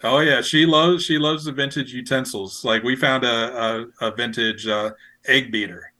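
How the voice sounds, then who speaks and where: A radio station operator, speaking in a mid-range voice with a steady tone, chats casually in a podcast interview at a moderate pace. He sounds bright and forceful, rambling and circling back to the same phrases as he feels for words.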